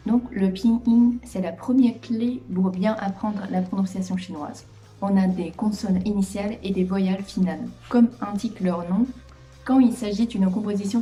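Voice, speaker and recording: A woman teaches in a calm, clear way and lingers over each example sound. Her voice is mellow and relaxed. Soft background music runs beneath the lesson. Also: mid-range voice. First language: Mandarin Chinese. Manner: clear, patient explaining with drawn-out example syllables. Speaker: Chinese language teacher. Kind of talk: video lesson.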